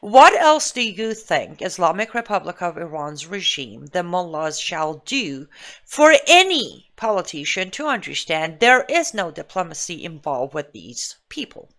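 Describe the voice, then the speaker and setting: An Iranian woman hosts a live political commentary show, delivering a forceful monologue in her accented, lowish voice. She is emphatic and indignant, firing off rhetorical questions.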